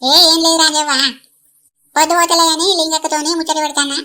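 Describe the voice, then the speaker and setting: A woman's voice: sits high, little pitch movement, a little fast, sharp tone. A woman voicing a fussing middle-aged village neighbor, chatty and scolding, in a Telangana accent.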